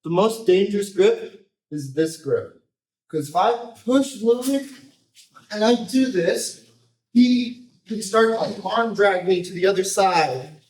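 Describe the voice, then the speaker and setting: A man coaching a jiu-jitsu technique, explaining casually in short, choppy phrases and often checking in with a quick tag question. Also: high voice, animated, a little mellow. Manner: informal, choppy phrases with repeated tag "right?". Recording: roomy echo, distant microphone.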